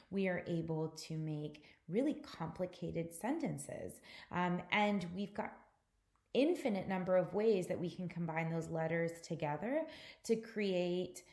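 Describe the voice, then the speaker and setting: A woman's voice: fairly low pitch, a little mellow, roomy sound. A woman instructor delivering a recorded mini lecture, explaining patiently and speaking directly to her students. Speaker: course instructor.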